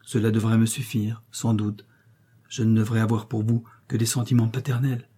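A blind, brooding older man, as a male reader voices him, earnest and emphatic. The voice is very dark and mellow with a husky edge, like a storybook reading. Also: on the low side, little pitch movement, normal speed. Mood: pleading.

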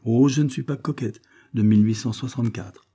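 A man's voice: mid-range voice, brisk, dark tone, breathy edge, lightly acted. A man reading the lines of a humble young woman singer from a storybook, pleading and earnest.

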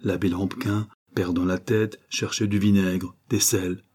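Male audiobook narrator, mellow and husky, classic literary reading. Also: sits low, level tone, a little slow.

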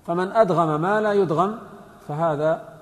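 A man's voice: high voice, normal speed. Man lecturing in an echoing hall. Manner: patient, explanatory, repeats and recites examples. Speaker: sheikh teaching Islamic law. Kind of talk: religious lecture. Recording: long hall reverb.

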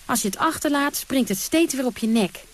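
A woman's voice: high-pitched, expressive, a little fast. An actress playing a brash, defiant woman who tells of her wild nights in a theatrical radio monologue, blunt and dry with sudden outbursts. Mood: brooding.

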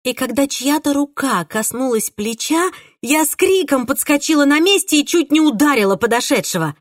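A woman giving an emotional, expressive first-person audiobook reading. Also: high voice, moderate pace, no room sound, clean studio sound. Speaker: audiobook narrator.

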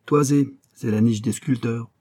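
A man's voice: mid-range voice, fairly even intonation, measured pace, mellow, close to an everyday voice. A man reading an audiobook and voicing a sly old bailiff's clerk who coaxes and schemes in a knowing, sometimes stern way. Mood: scheming.

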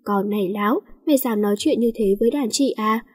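A woman voicing a sharp-tongued, bullying older schoolgirl who leads a gang, in a storybook reading. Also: a little high, brisk, slightly rough. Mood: hostile. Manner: sharp, shrewish.

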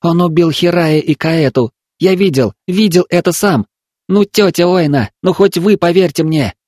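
A frightened young village boy, as a man voices him, begs and insists in a raised, boyish pitch, his words catching near tears. It's a storybook reading, so the voice sits well above the reader's own low register. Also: normal speed, dry recording, studio quality, close to an everyday voice. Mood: pleading.

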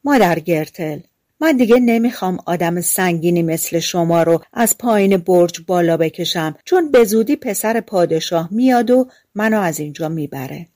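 A sweet, innocent young girl locked in a tower, as a woman narrator voices her, speaking softly and gently in a low voice. The reading is dry and close to the mic. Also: animated, no room sound, natural voice. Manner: soft, innocent tone.

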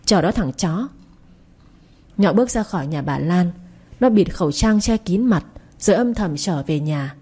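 A woman's voice: on the low side, lively intonation, moderate pace, mellow. A woman narrating a gritty audio story and voicing all of its characters herself. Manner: voices every character herself, rough and angry for the thugs.

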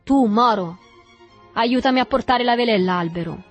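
A woman reading the lines of a gruff older boatman who speaks with calm, curt scorn in an audiobook. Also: on the high side, moderate pace, soft background music, pitched above the performer's own voice, lightly acted.

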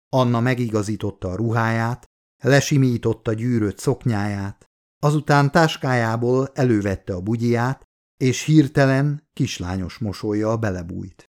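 Low-voiced man narrating an audiobook. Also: gravelly. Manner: measured, expressive first-person narration. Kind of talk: literary audiobook reading.

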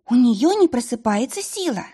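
A woman's voice: sing-song, moderate pace, dark tone, husky. A woman voicing a panicked young girl pleading for help. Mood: desperate pleading. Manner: pleading, sobbing, high and urgent. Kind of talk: audiobook character voice.

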